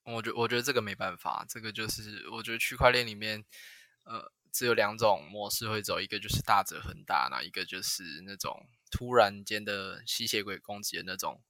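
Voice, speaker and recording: Bright, forceful low-pitched Taiwanese man. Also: fairly quick, no echo. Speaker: podcast host. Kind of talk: casual chat.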